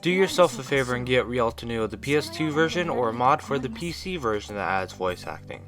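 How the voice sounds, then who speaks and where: With music playing behind him, a man reads a scripted video review in an informal, opinionated style. His medium-pitched voice has lively intonation and a fairly quick pace.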